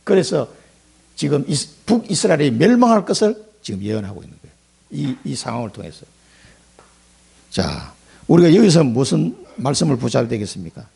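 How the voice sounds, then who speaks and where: A man preaching a Sunday sermon as pastor, animated, putting on quoted voices and asking his congregation questions. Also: medium pitch, brisk, gravelly, husky.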